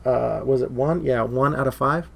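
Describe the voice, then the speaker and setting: On a casual film podcast, a male co-host who is losing his voice keeps laughing and filling gaps with "um." He speaks at normal speed in a mid-range voice that is gravelly yet fairly bright.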